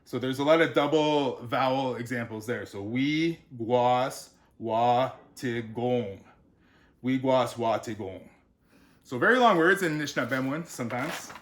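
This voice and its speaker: Male author, mid-pitched, casual pronunciation tutorial, slow syllable-by-syllable sounding out. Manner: sounds words out slowly, syllable by syllable; relaxed, explanatory, with frequent fillers. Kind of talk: unscripted pronunciation lesson.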